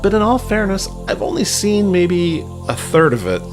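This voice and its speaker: With music in the background, a podcast host talks at a moderate pace in a voice that sits high and swings widely in pitch. He's casual, wry and self-deprecating, chatting informally and reading out news items.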